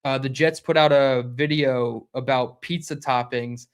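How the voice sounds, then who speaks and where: A man's voice: medium pitch, steady tone, clear, resonant tone. Casual young man streaming sports talk. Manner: fast, conversational, reads chat comments aloud. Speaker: podcast host.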